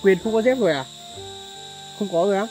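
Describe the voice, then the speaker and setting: A man hosting a charity vlog outdoors in a highland village, talking politely to viewers with many fillers. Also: animated, fast, warm tone, faint music behind, rough recording. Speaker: charity vlogger. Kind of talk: vlog narration and chat on location.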